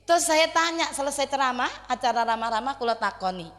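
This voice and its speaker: A woman preacher with an East Javanese accent from Surabaya, giving an expressive religious lecture to women, telling stories and slipping into Javanese with frequent exclamations. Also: high-pitched, fast talker, in a large hall. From Surabaya, East Java.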